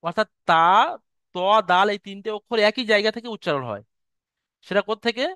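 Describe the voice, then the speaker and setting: A man teaching an online lesson on Arabic letter pronunciation, patiently repeating each sound slowly. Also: high voice, animated, fairly bright tone, dry recording, clean studio sound. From West Bengal, India. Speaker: Quran recitation teacher. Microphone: video call.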